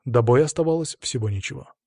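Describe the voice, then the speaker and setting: A man narrating a story in the first person in a steady, measured way. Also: mid-range voice, vocal fry, no echo, clean studio sound.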